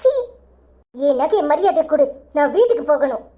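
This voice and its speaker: A high-pitched village wife with a Tirunelveli accent. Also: female voice, very animated, normal speed, dark tone. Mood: indignant. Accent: Tirunelveli Tamil. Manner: earnest, then sharply scolding. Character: trusting young wife turned angry. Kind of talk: cartoon voice acting.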